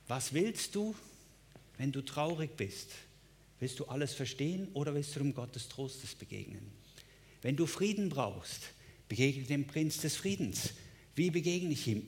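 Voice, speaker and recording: Guy preaching a sermon, kinda high voice, emphatic, talks right to you. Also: slight background noise. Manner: emphatic preaching with repeated phrases and direct address. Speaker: pastor.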